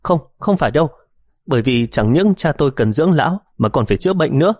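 A man's voice: lively intonation, fast, darkish tone, breathy edge, no echo, clean studio sound. A male narrator voicing a distraught young woman who pleads through tears. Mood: tearful pleading. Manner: high pleading, tearful.

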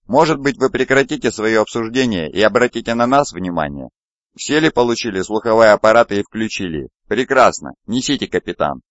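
A stern chief judge lays out court procedure in a low, measured official voice, read by a male narrator. The recording is dry and somewhat muffled. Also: animated, fairly bright tone, no room sound. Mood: reproving.

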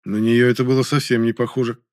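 A man calmly narrating an audiobook in the first person, in a measured way. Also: medium pitch, no echo, studio quality.

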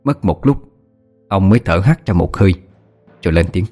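A man narrating a horror story in a steady, measured storytelling voice. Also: sits low, soft background music. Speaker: audiobook narrator.

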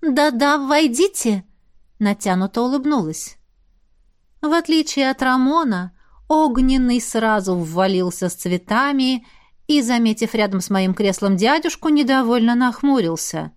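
Woman reading a fantasy audiobook, kinda high voice, wry and lively. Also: moderate pace. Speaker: audiobook narrator. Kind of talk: first-person fantasy narration.

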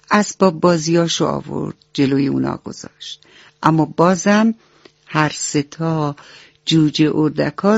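A woman reads a children's bedtime story aloud in an affectionate, storytelling way, her voice low and creaky with no echo. This scripted children's narration comes through as a dull lo-fi radio recording with soft music.

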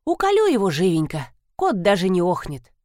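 A woman voicing a bustling, cheerful older mother-in-law in an audiobook, her voice jumping high when excited. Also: fairly quick, no echo, studio quality.

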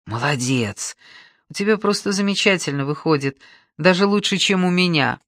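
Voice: medium pitch, animated, normal speed, a bit bright, dry recording. An audiobook reader voicing an older grandmother who fusses, gives kindly instructions and gets easily flustered, in a dry close recording. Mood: instructing. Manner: fussing, instructing, anxious. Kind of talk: audiobook reading.

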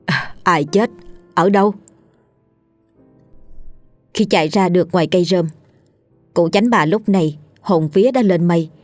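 A woman narrating a scripted ghost story in a steady, dramatic storytelling manner. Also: fairly low pitch, dry recording. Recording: dry studio voice with faint music.

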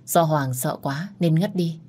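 A woman voicing a hospital doctor who calmly reports on a patient. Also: low voice, a little slow, breathy edge. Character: calm hospital doctor, matter-of-fact.

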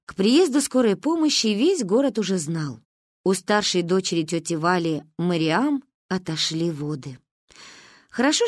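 Animated woman audiobook narrator. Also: on the low side, no room sound, clean studio sound. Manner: animated, storytelling as a little girl. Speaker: audiobook reader.

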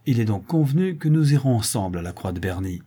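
A man's voice: medium pitch, expressive, quick pace, dark tone, husky. A man reading the part of a gracious, affable society hostess in a storybook reading.

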